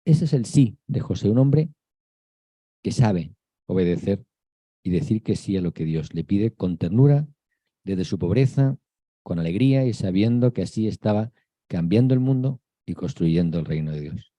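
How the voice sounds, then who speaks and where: A man preaching a Christmas sermon in a conversational, animated way, building repetitive rhetorical lists. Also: fairly low pitch, moderate pace, dry recording. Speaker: priest.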